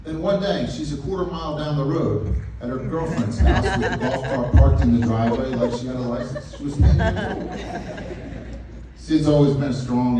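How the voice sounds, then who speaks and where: An older man giving a father of the bride speech in a folksy, wry and sentimental way. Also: medium pitch. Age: 50s or older. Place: large echoing event room at a wedding reception. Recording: echoey, noisy room, distant mic.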